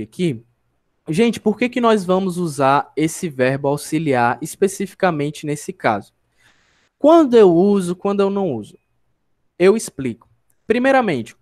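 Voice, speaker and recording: A man's voice: high voice, a little mellow, no room sound. A man with a Brazilian Portuguese accent, an English teacher explaining grammar in an online lesson and asking and answering his own questions. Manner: explains step by step, asks rhetorical questions and answers them; slow, drawn-out model phrases for students to repeat.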